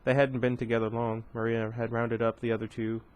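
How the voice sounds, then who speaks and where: A man with a clear, resonant, medium-pitched voice reads a novel aloud fairly quickly and with little pitch movement, on a rough recording. His delivery is casual and plain; he stumbles over words, corrects himself, and breaks off for joking asides.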